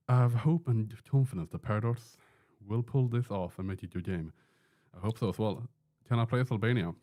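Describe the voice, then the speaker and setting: A man from Sweden with a warm, lowish voice and a Swedish accent streams gameplay live, joking around and answering questions from his chat. He's in an indoor room that has a door.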